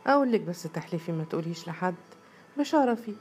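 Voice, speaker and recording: Troubled young Egyptian student girl, earnest, pleading, low voice, woman reading her in a storybook, soft music behind. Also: animated, quick pace, lightly acted. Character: distressed young female student confiding a secret.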